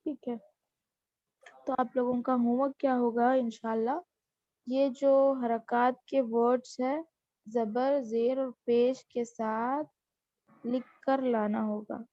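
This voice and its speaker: A woman teaching Quran reading, spelling out syllables one by one and adding quick explanations. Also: a little high, fairly even intonation, no room sound, dull audio. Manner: spells each syllable slowly, then explains in quick asides. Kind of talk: slow drilled lesson recital.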